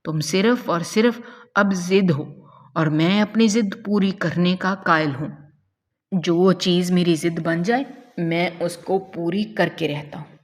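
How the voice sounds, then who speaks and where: A woman's voice: fairly low pitch, big-room sound, close to an everyday voice. A woman voicing a domineering young man who mocks and threatens a captive woman in a spoken story. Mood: menacing. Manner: mocking, menacing and possessive.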